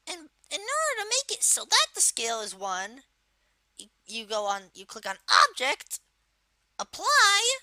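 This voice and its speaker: Squeaky bratty male cartoon koopa voice, super high and swoopy, doing a halting tutorial. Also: pushed and bright, no room sound, full character voice. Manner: halting, thinking aloud, self-correcting. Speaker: tutorial host. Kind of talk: software tutorial, casual and unscripted.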